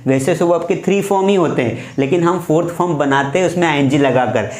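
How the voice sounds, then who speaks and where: A man delivers a classroom grammar lesson, his voice sitting a touch high. He walks through the rules step by step and drills example after example. The sound carries a noticeable room echo. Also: a little fast, a little mellow. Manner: explains step by step, repeats examples. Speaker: English teacher.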